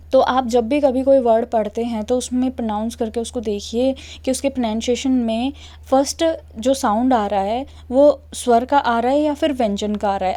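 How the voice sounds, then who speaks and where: A young Indian-accented woman teaches a beginner grammar lesson in a patient, steady way. Her voice sits a little high yet sounds mellow and soft rather than bright. She stops now and then to make sure her students are keeping up. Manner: patient, checks understanding with "okay" and "clear?". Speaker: English teacher. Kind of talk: classroom explanation.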